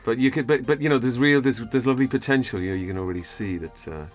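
A man guesting on a casual studio interview, chatty and wry, halting with fillers. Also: mid-range voice, soft background music. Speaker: actor guest. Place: recording studio.

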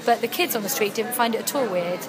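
This young woman from Wales, who acts and writes, tells animated stories in a casual interview, peppering her chat with frequent ums. She speaks at a medium pitch and quick pace while crowd noise fills the background.

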